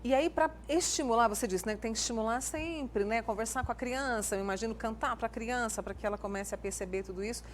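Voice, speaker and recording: A woman's voice: a little high, fast, hardly any pauses, a little hiss or hum. A Brazilian woman hosting a TV morning show, interviewing a guest and reading out viewers' questions. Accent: Brazilian Portuguese. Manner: friendly, reads viewer questions aloud. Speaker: TV show host.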